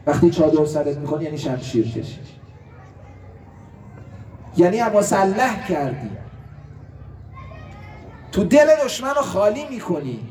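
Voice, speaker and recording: A man, a cleric, preaching a religious sermon to a gathering with impassioned rhetoric that swings between loud and quiet. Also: high-pitched, big pitch swings, pauses often. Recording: echoey room, distant mic, faint hiss.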